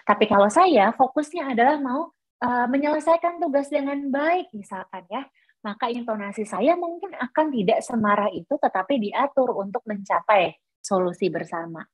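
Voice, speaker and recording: A woman's voice: a little high, lively intonation, moderate pace, husky, no room sound. A woman giving an explanatory workshop lecture to teachers, often saying filler words between points. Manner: explanatory, many fillers like "nah" and "gitu ya". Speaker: teacher trainer.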